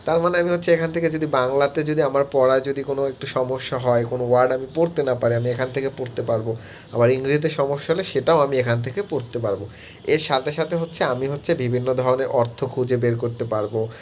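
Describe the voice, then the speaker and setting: A man's voice: medium pitch, steady tone, slight background noise. Man teaching, full of filler words. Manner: halting, heavy use of filler words. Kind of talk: screen-recorded app tutorial.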